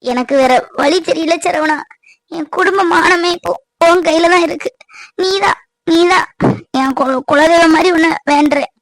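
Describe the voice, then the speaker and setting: A woman's voice: high-pitched, fairly even intonation, moderate pace, no echo, natural voice. A woman voicing an anxious middle-aged village mother, earnestly pleading with her nephew in a cartoon. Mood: tearful pleading. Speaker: voice actor. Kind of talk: cartoon voice acting.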